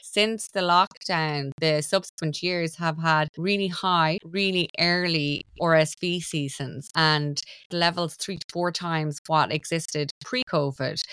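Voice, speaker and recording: A woman's voice: low-pitched, a bit bright, smooth, no echo. An Irish woman giving conversational health advice in an informal, reassuring way, like a podcast host.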